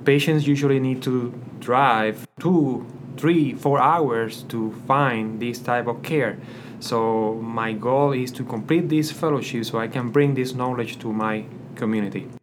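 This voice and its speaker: A man's voice: mid-range voice, measured pace, hardly any pauses, noisy background. Man from Puerto Rico, sincere. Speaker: medical fellow. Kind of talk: casual panel discussion.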